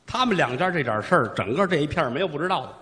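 A man voicing a fearful old village man giving a hurried, cautious warning, in traditional comic storytelling. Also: on the high side, lively intonation, a bit bright, long reverb tail, voice pushed down. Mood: wary.

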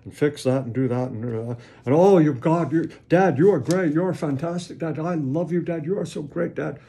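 A man voicing a young boy who breathlessly rattles off demands and flattery to his dad. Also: fairly high pitch, vocal fry, voice pushed up. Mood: gushing. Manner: rushed, gushing, piling on requests.

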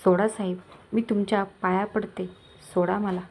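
A woman's voice: medium pitch, flat delivery, normal speed, darkish tone, natural voice. A woman voicing a poor, proud young village wife who pleads but stays firm and defiant. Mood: pleading.

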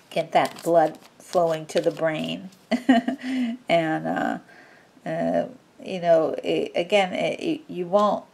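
A woman reads tarot cards in a relaxed, unscripted way, her speech slow and unhurried. Her voice sits somewhat low, and she fills pauses with ums and restarts her sentences as she goes. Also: vocal fry. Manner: slow, rambling, many fillers and restarts. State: sneezing from allergies. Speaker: tarot reader. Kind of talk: casual tarot reading.

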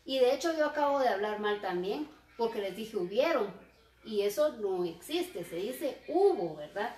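A woman teacher giving a lesson, speaking slowly and checking in with rhetorical questions. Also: medium pitch, expressive, a little mellow. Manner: slow, repeats examples and asks rhetorical checks. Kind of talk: recorded classroom lesson. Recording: echoey room.

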